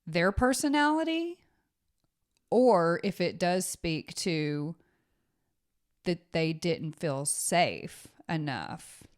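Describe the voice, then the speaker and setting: A woman in her thirties co-hosting a podcast in relaxed conversation. Her voice sits low and she speaks at an unhurried pace. She comes across as earnest and thoughtful and often murmurs agreement. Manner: earnest, thoughtful, with frequent mm-hmms. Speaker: podcast co-host. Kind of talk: casual chat.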